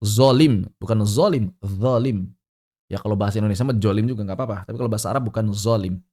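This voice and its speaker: A man's voice: on the low side, steady tone, racing, warm tone. A male teacher giving an online lesson on Quran recitation, explaining patiently and repeating sounds aloud to drill them. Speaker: tajwid teacher.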